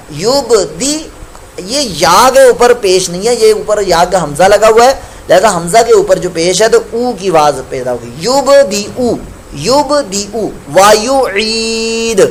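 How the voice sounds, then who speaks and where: High-voiced man teaching Quran recitation. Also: a little hiss or hum. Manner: patient, corrects common mistakes, chants examples slowly. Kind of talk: tajweed lesson with recited examples.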